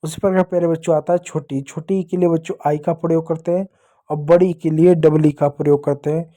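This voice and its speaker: A man teaching young children, explaining step by step in a slow, patient way and spelling out letters one by one. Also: on the high side, steady tone, warm tone. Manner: slow, patient, repeats points to young pupils. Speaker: English teacher.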